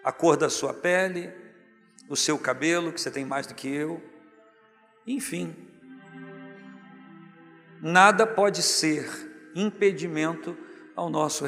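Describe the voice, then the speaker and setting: High-voiced jovial man preaching in a church. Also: creaky, fairly bright tone, long reverb tail. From Brazil. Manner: jovial, teasing the congregation, calls people up to the front. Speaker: pastor. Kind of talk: sermon. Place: large church hall, music underneath.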